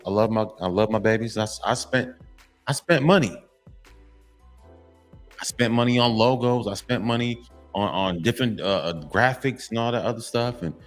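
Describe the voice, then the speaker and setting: An earnest man in his thirties speaks to fathers in a motivational monologue. His voice sits at an ordinary middle pitch. He is emphatic and repetitive, restarting his sentences as he presses his point, with soft music playing behind him. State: tearful at times. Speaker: vlogger addressing fathers.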